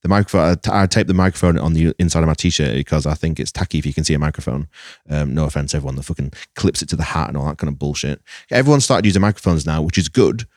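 A man's voice: very deep voice, very fast, no room sound, studio quality. An English man, a videographer guest, chatting casually and rambling on a podcast, swearing now and then. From England.

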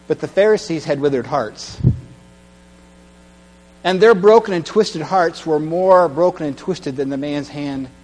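A man preaching a sermon, retelling a story dramatically and swinging from hushed tones to loud cries. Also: fairly high pitch. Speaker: pastor. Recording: long hall reverb with mains hum.

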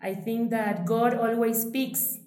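A woman with an Argentine Spanish accent, a native Spanish speaker, telling personal stories as a podcast guest in halting learner's English with Spanglish slips. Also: on the high side, little pitch movement, darkish tone. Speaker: podcast guest, youth worker. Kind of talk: conversational interview, personal storytelling. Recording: roomy, echoing space.

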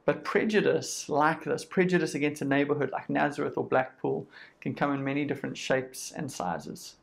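This preacher, a man with a South African accent and a gravelly voice on the high side, delivers a conversational sermon at a moderate pace. He acts out what people say, using quoted voices and lists.

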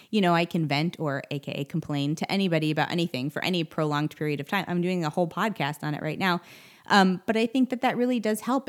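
A woman in her thirties from the United States, hosting a casual solo podcast in a chatty, rambling way with frequent asides. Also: on the low side. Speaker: podcast host.

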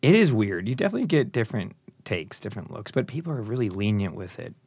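Low-voiced man, casual interviewing host. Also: quick pace, creaky, breathy edge, no room sound. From Chicago. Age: 30s. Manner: relaxed, curious questioning, joking. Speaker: podcast host. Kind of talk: casual chat.

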